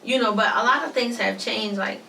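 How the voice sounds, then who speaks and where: Twenty-year-old woman co-host, high-ish voice, rambly casual talk, faint room hum. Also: fairly quick, vocal fry, pushed and bright. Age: 20s. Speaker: podcast co-host. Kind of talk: casual chat. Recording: echoey room, mic at a distance.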